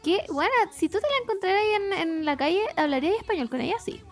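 A woman's voice: extremely high pitch, animated, quick pace, soft background music. A young woman with a Chilean accent co-hosting a podcast, chatting casually in slangy, rambling talk with frequent laughter. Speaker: podcast co-host. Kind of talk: casual chat.

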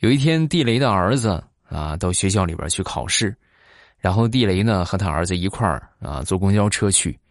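A man with a fairly low voice tells comic anecdotes to his listeners in a chatty, easygoing way. He keeps tossing in little tag questions and drawn-out particles. The sound is dry and close, with no room echo. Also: animated, soft background music. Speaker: podcast host.

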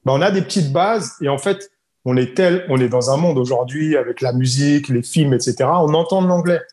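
A man's voice: medium pitch, fairly quick, a little mellow, reverberant. A man from France who teaches English, talking casually on a podcast and explaining his points with examples and repetition.

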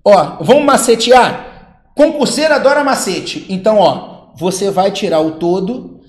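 A man with a Brazilian Portuguese accent teaching logic to exam candidates, lively and acting out students' questions. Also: high-pitched, measured pace, roomy sound. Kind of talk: logic lesson with on-screen board.

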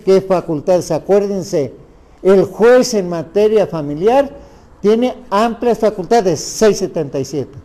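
A man's voice: sits high, dark tone. A man with a Mexican Spanish accent giving a lecture on family law, asking the audience rhetorical questions.

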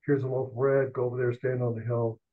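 A man's voice: medium pitch, level tone, fast talker, lightly acted. A man quoting a laconic outback ranger giving matter-of-fact instructions, heard over a thin, phone-like line.

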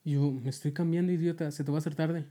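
Young woman, Mexican accent, podcast co-host, warm low-key delivery, chatty and slangy. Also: fairly even intonation, quick pace. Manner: slangy storytelling, laughing often. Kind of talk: casual chat.

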